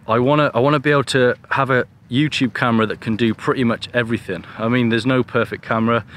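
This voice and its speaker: On an open beach at sunset, an English photography vlogger in his thirties chats to camera in a relaxed, self-deprecating way, his voice medium in pitch. The sound comes from a camera-mounted mic at arm's length, with faint outdoor noise in the background.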